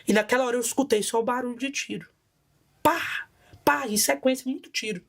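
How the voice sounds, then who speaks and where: A woman's voice: on the high side, steady tone, very fast. A woman with a Brazilian Portuguese accent, a bishop giving a personal testimony in a vivid, dramatic storytelling manner.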